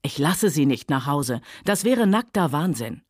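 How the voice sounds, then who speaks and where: A woman reading a novel aloud, voicing a worldly, sardonic Southern gentleman who speaks coolly and mockingly. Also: deep voice, sing-song, a little slow, dry recording, studio quality, full character voice. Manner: sardonic, cool, later soft and soothing.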